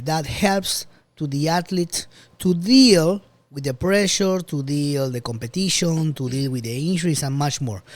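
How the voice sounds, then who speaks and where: A man's voice: a little high, darkish tone, no room sound. A man from Argentina hosting a podcast interview, casual and profane, with loose phrasing. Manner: swears freely, loose non-native phrasing. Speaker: podcast host.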